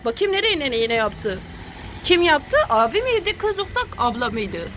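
A woman's voice: high voice, sing-song, moderate pace, fairly bright tone. A woman, a mother filming a casual family vlog, hurrying her children along and teasing them, in and around a car outdoors. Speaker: mother and family channel host. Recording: street noise clearly behind.

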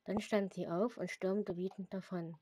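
A woman's voice: medium pitch, fairly even intonation, normal speed, dark tone, breathy edge, dry recording, studio quality. A woman reading her own story aloud as plain narration, with small slips and restarts.

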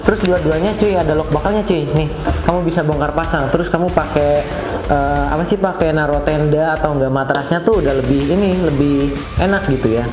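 Chatty young man reviewing gear. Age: young adult. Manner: chatty, slangy, enthusiastic pitch. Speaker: product reviewer. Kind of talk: casual product review. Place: studio with plain blue backdrop. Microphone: lapel mic. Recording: roomy studio echo with music bed. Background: background music.

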